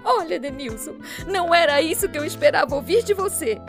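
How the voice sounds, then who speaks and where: A woman's voice: high-pitched, animated, brisk, music in the background. A woman voicing an anxious, emotional young pregnant woman in an amateur radio drama, pleading and upset. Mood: hurt, angry.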